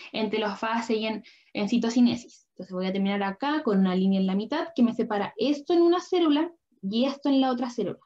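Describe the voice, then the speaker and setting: Through dull, lo-fi online class audio, a young woman with a slightly high, darkish-toned voice explains biology at a drawing board. She is patient and checks comprehension with frequent questions.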